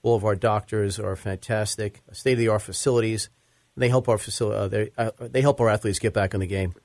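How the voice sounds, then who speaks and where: A man's voice: on the low side, steady tone, a little fast, a little mellow, dry recording. A man hosting a podcast, reading sponsor thanks and introducing a guest in a chatty way, with frequent fillers. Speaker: podcast host. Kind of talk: casual podcast talk.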